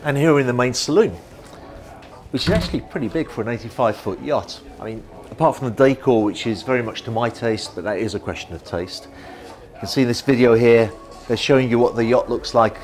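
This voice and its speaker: Walking viewers through a yacht with enthusiasm, a middle-aged reviewer moves between the open deck and the saloon at a boat show. He speaks briskly at a medium pitch, with soft music in the background.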